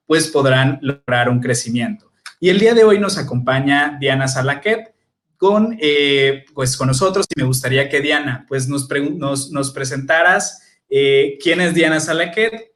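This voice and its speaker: A man, hosting an online masterclass with formal, measured introductions. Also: a little high, fairly bright tone. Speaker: host.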